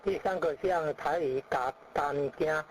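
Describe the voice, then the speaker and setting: A man's voice: a little high, a little slow, slight background noise, poor audio. A man teaching pronunciation. He explains each sound by comparing it to everyday words and repeats it several times. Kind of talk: pronunciation lesson.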